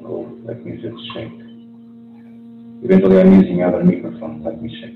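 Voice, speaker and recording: A man's voice: deep voice, sing-song, fairly quick, vocal fry, noisy background. Man echoing like he's in a tunnel. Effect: hollow, echoing tunnel-like sound. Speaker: guest market analyst. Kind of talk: casual live-stream chat. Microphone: computer's built-in mic. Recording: tinny, echoey computer mic in a room.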